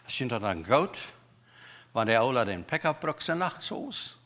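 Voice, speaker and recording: A man preaching a sermon in a church, with a Low German accent, mixing German and English words into his talk in an emphatic way. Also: big pitch swings, normal speed, a bit bright. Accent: Mennonite Low German.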